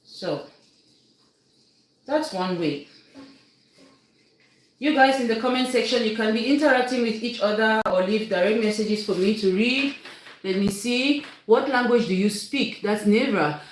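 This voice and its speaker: Her voice on the high side, a woman from Cameroon speaks unhurriedly and pauses often while hosting a casual live baking demo in Cameroonian English. Chatty and instructive, she keeps checking in with her viewers; the very echoey room carries faint noise.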